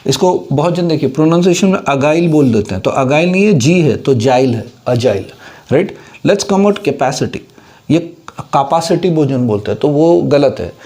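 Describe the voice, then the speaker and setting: With a mellow, slightly high voice, animated delivery and moderate pace, the teacher walks through English words on a whiteboard. He speaks Hindi sprinkled with English terms in an Indian English accent, keeping the lesson casual and steady while asking for understanding.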